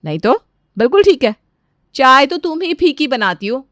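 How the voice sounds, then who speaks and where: A woman's voice: high voice, very animated, moderate pace, fairly bright tone, no room sound, clean studio sound, voice pushed up. A woman doing a proud, fault-finding sister-in-law. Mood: snappy. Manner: snappy, scolding.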